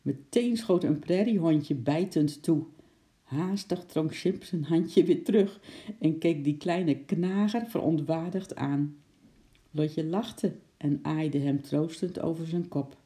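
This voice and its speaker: A woman reading a children's book aloud in a gentle storytelling manner. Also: low-pitched, slow pace. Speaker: narrator.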